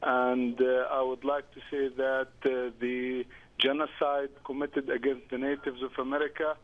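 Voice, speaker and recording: A man's voice: mid-range voice, level tone, moderate pace. Hesitant male caller on a tinny phone line. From Palestinian. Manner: hesitant, many fillers, formal phrasing.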